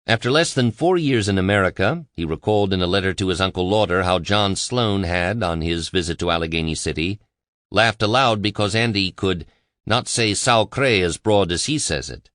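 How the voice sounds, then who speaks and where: A man reading a biography aloud as an audiobook narrator, in a measured, even delivery. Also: low-pitched, no room sound, clean studio sound.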